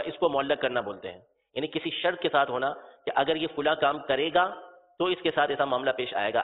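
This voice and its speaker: A man delivers a religious lesson in a somewhat high voice, walking through his points slowly and patiently. He restates each example and spells out terms letter by letter. The recording is thin and phone-like, with a long, trailing reverb. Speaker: religious teacher. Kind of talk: religious lecture.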